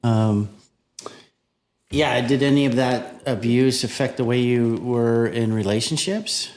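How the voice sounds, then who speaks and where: A man's voice: medium pitch, measured pace, echoey room. Podcast host, man, mid-range voice, blunt and easygoing interviewer. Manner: relaxed, blunt, swears casually. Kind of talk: casual interview.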